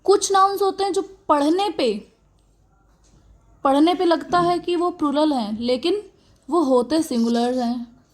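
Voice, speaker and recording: Woman, grammar teacher, high voice, slow deliberate delivery, checks in often. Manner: explains patiently, repeating words and checking with "okay" and "theek". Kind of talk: classroom grammar lesson.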